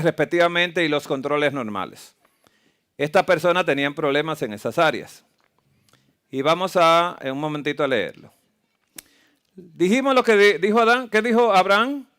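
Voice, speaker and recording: A man's voice: high-pitched, fairly bright tone, smooth. A man preaching a sermon that mixes medical slides with scripture, asking the congregation frequent rhetorical questions. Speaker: preacher and health lecturer. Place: church camp meeting.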